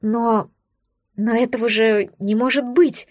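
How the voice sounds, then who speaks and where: A woman voicing a fierce, protective young pregnant heroine who speaks in sharp outbursts in an audiobook. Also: on the high side, steady tone, slow pace, dry recording, clean studio sound. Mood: shocked.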